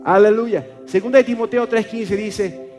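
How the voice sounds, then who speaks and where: Brief: Venezuelan male preacher, Maracaibo accent, high voice, halting repeated fillers, faint music under. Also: steady tone, darkish tone. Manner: repeats words and stammers fillers, calls listeners brother. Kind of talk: sermon.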